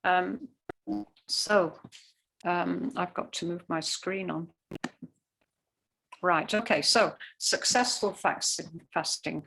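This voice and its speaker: A woman's voice: fairly low pitch, takes it slowly, creaky, pauses often, pushed and bright, slight background noise, rough recording. A woman who teaches Ayurveda, explaining things earnestly with plenty of fillers during a talk over a video call. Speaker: Ayurveda educator.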